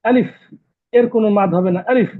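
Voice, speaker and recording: A man's voice: high-pitched, a little fast. A man teaching Quran recitation rules in an online lesson, patiently repeating terms and quizzing his students. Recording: tinny phone-like call audio.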